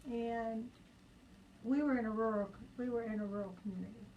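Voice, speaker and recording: Higher-voiced woman artist guest. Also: steady tone, brisk, a little mellow, highs cut off, slight background noise. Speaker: fiber artist and tour organizer. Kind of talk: radio interview guest.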